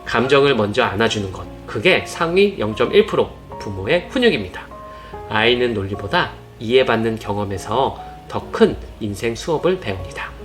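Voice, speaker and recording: A man giving earnest, gentle parenting advice in scripted narration. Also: medium pitch, very animated, normal speed. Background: soft background music.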